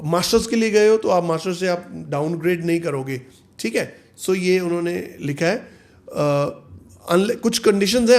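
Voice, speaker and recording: A man, a visa consultant explaining rules in a video, reading the text slowly and then explaining it in Hindi. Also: sits high.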